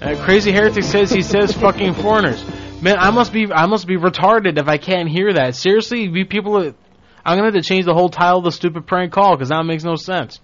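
A man hosting a prank-call show, bantering in a slightly high voice and mocking himself. The audio is dull and lo-fi, with faint music underneath. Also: brisk, fairly bright tone. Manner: self-mocking, laughing, swearing. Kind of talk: casual banter.

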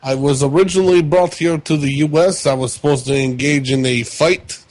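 A man acts out a Ukrainian convict and fighter with a Russian accent. He is boastful and aggrieved, speaking bluntly in stilted phrases. The voice sits a bit high for a man, in a dry, close sound. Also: a little fast, a little mellow, dry recording, close to an everyday voice, low-quality recording. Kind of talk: prank phone call character acting.

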